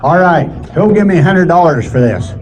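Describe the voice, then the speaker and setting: Man chanting as a rapid auctioneer, higher-pitched. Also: animated, a little mellow, faint music behind, rough recording. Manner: repetitive rhythmic number chant.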